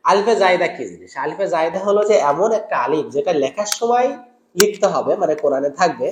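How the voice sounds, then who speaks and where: A man with a Bangladeshi Bengali accent leads a recitation lesson, modelling each word slowly and repeating it several times for students to follow. His voice sits high for a man. The room adds a noticeable echo. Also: animated, a little mellow. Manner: slow, drawn-out syllables when modelling recitation. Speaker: Quran recitation teacher. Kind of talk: tajweed lesson with call-and-repeat drills. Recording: echoey room.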